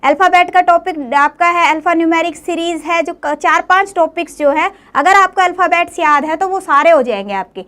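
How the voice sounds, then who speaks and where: A woman's voice: very high voice, fairly quick, few pauses, fairly bright tone. A woman teacher giving a classroom lecture, often coaxing her students with questions as she goes. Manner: coaxing, often asks "clear, beta?".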